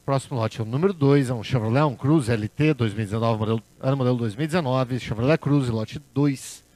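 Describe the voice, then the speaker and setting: A man calls a car auction as auctioneer, repeating figures in a steady chant. His voice sits at a medium pitch. The sound is dry, with very little room in it. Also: fast, no echo. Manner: auctioneer's chant, repetitive bid calling. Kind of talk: live car auction calling, repeating bids.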